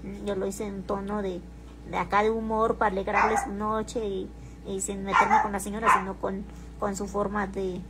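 A woman's voice: medium pitch, flat delivery, moderate pace, heavy background noise. Teasing woman, crude slang. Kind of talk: casual livestream talk.

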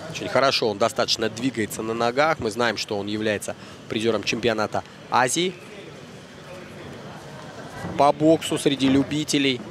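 A man giving live boxing commentary in short, halting phrases with repeats. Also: mid-range voice, noisy background.

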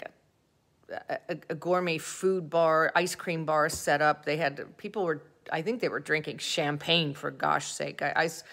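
A woman's voice: sits low, a bit bright. A middle-aged woman actor telling casual, self-deprecating stories about her career, laughing as she goes. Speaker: actor answering fan questions. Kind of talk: casual anecdotal storytelling.

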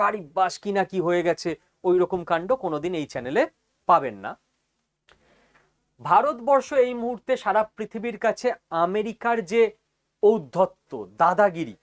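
A man giving an explainer lecture as a teacher, speaking emphatically and often checking that listeners follow. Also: high voice.

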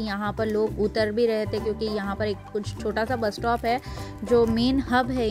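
Woman filming a store tour on a handheld cam, talks prices nonstop, music playing. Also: medium pitch. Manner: chatty, explains prices as she walks. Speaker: vlogger. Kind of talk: walk-through shopping vlog narration. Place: indoor shopping store. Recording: background music.

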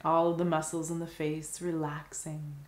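Leading a guided meditation, a woman with a low-pitched voice speaks in a very even, gentle way. Long pauses separate her soothing phrases, and noticeable reverberation gives the recording a roomy sound.

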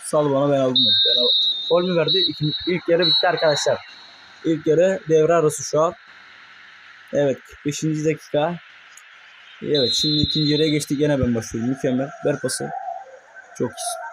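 A young man commentating his own mobile football match for viewers, excitable and quick to curse at his players in frustration. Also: on the high side, noisy background. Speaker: gaming YouTuber.

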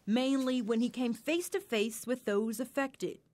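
A young American woman narrates a television news story as a reporter. Her voice sits a little high. The delivery is scripted broadcast narration. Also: a little slow, a little mellow, a little hiss or hum.

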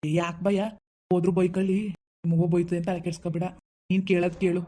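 A woman's voice: on the low side, flat delivery, quick pace, warm tone, slight background noise, close to an everyday voice. A woman voicing a pushy village woman in a cartoon, brusque and bossy as she urges her friend on. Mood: urging. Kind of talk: cartoon voice acting.

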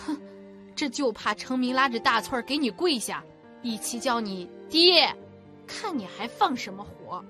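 An actress playing a sharp-tongued middle-aged wife in an audiobook drama, quick to retort. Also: female voice, a little high, animated, faint music behind. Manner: retorting, snappish. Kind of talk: audiobook radio-drama acting.

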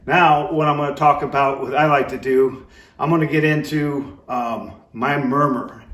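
Teaching goose calling, a middle-aged man offers a casual, hands-on demonstration in a rambling, folksy manner, his pitch ordinary for a man and his intonation fairly even at a normal speed, slightly bright. He's in an indoor room with a brick fireplace, and the roomy, echoey sound suggests hard walls and a distant microphone.

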